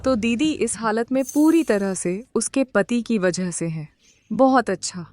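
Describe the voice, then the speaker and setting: An actress dubbing a vengeful wife back from an asylum, cold and commanding. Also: female voice, a little high, expressive, measured pace, darkish tone, no room sound, faint music behind. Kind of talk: Hindi dub of a drama.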